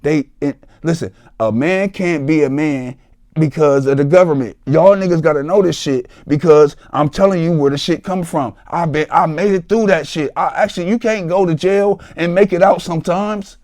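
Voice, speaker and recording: Podcast guest, man with an Ohio accent, high-ish voice, preachy and emphatic. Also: moderate pace, darkish tone. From Columbus, Ohio. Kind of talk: emotional storytelling.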